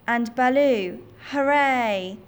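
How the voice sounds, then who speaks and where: A woman's voice: on the high side, animated, takes it slowly. A woman voicing a brave young boy raised by wolves, speaking in earnest, simple phrases. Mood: excited.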